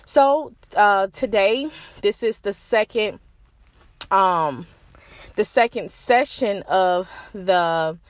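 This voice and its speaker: A young woman hosts a motivational podcast in a casual, encouraging way. She sounds a little out of breath, and her pitch sits in an ordinary middle range. The recording is dry and close, with no room sound. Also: very slow, no room sound. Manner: upbeat, motivational, slightly breathless after a walk. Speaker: podcast host and life coach.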